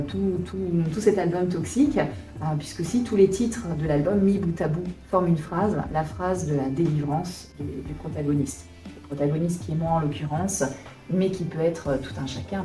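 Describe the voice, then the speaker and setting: A woman in her late thirties from Alsace, a singer-songwriter, speaking in a lowish, warm and mellow voice. She answers interview questions earnestly, pausing to find her words. She is picked up from a distance at a concert venue, and the room echoes around her. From Alsace, France. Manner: earnest, thoughtful, searching for words.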